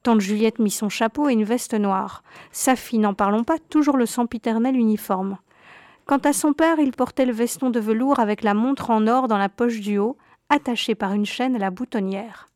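A woman narrating a childhood memoir story in a calm, measured reading voice. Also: medium pitch, no room sound, studio quality.

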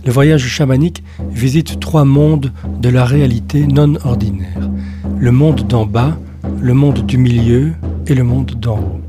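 Calm male documentary narrator. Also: mid-range voice, a little slow. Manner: calm, explanatory. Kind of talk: scripted narration. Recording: over clear music.

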